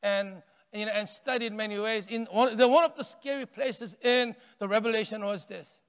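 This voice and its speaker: High-voiced older pastor preaching in a hall. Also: male voice, moderate pace, clean tone. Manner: animated preaching with wide arm gestures, rising and falling intensity; repeats and restarts phrases, drops to near-hush on key words. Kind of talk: sermon. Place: large church sanctuary, stage with pulpit. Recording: long reverb of a church hall.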